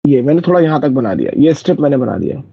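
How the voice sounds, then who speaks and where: Gravelly male math teacher. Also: medium pitch, sing-song, racing, dry recording. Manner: explains step by step, checks if students follow. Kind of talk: live online math class. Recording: dull lo-fi dry recording.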